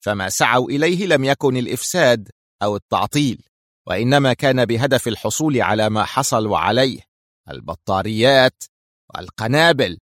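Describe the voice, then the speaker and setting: A man voicing a cold, sharp-tongued female agent who speaks with stern, cutting precision. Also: mid-range voice, animated, a little fast, dry recording, clean studio sound, close to an everyday voice. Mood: icy stern.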